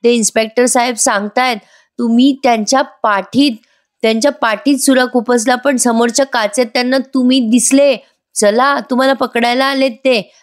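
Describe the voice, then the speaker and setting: A woman's voice: fairly high pitch, steady tone, moderate pace, pitched above the performer's own voice, lightly acted. A woman voicing an anxious wife pleading with her husband. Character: worried wife, nagging her hurried husband.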